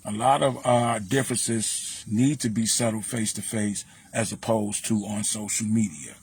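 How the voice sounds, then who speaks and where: A man's voice: on the low side, normal speed, a little mellow, slightly rough. A man with a Chicago accent hosting a casual livestream, blunt and preachy, speaking straight to his viewers. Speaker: livestream host.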